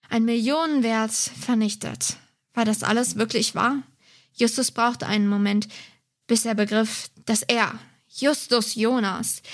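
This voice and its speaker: A woman reading a detective story aloud in a steady, measured way. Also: a little high. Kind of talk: reading a novel excerpt aloud.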